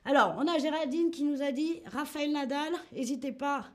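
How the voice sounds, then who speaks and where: Woman teaching french on a live stream, high voice, upbeat, grunts out tennis swings and chats with viewers. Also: moderate pace. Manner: lively, demonstrates tennis shots with grunts; greets and answers chat viewers by name. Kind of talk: live online French lesson.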